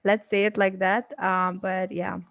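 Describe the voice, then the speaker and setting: A woman in her thirties from Romania talks through a casual presentation over a video call. Her delivery is chatty and loose, full of fillers and quick laughs. The audio is dull and dry, with no room sound. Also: mid-range voice, level tone, gravelly, no room sound. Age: 30s. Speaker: guest speaker.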